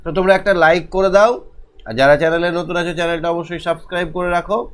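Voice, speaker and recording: A male teacher, giving an online lesson to young children, talking slowly and repeating each question. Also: high voice, steady tone, fairly bright tone, clear, resonant tone. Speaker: primary school teacher, channel host.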